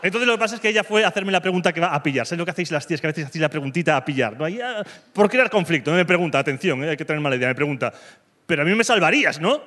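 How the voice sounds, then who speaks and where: A man with a Spanish accent from Spain doing stand-up comedy, delivering provocative dark humor that swings from mock calm to loud. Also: fairly high pitch, very fast, few pauses.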